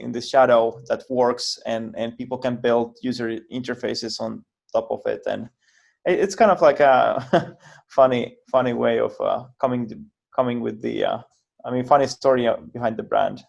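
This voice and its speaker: A man from Finland, speaking English, talks through technical ideas as an interview guest over a video call. His delivery is halting, full of repeated words and restarts as he builds each explanation. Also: medium pitch, fairly even intonation, creaky, a little mellow, dull audio. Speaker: guest, project founder.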